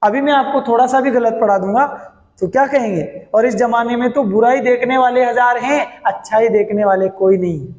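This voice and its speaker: A male Hindi teacher teaching verse meter, who recites lines slowly, then explains quickly and keeps asking his students questions. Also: extremely high pitch, a little mellow, highs cut off. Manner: quizzes students with questions, then answers himself. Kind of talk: classroom lesson on poetic meter. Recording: echoey hall.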